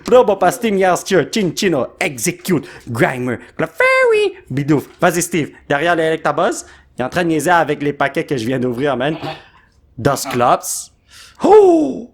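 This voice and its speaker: A man's voice: on the high side, normal speed. A man with a Québécois French accent, hosting a card pack opening video. He rattles off card names and jokes with his son. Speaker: YouTuber host.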